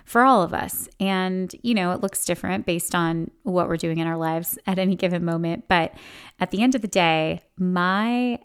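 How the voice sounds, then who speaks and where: A woman's voice: on the low side, moderate pace, smooth. A middle-aged woman hosting a podcast, talking candidly in a casual, reflective way with lots of filler words. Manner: chatty, candid, many "like" and "you know" fillers. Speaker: podcast host.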